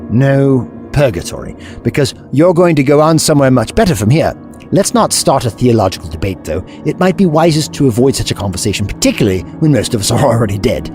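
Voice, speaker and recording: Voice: medium pitch, lively intonation, fast talker, a little mellow, soft background music, natural voice. A performer in an audio drama playing the Doctor, an eccentric, kindly time traveller who explains things in a wordy, scholarly way. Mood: earnest, explaining.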